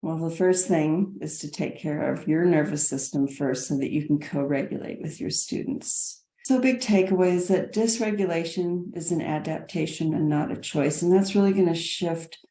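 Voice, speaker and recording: A woman's voice: sits low, normal speed, few pauses, dark tone, echoey room. A woman, a nursing educator, explaining slides in an earnest way and often repeating words as she goes.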